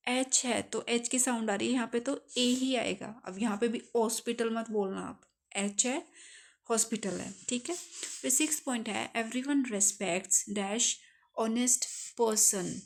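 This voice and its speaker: Hindi-accented woman teaching English grammar. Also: fairly high pitch. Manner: asks questions and answers them herself; reads example sentences slowly. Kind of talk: exam-prep grammar lesson.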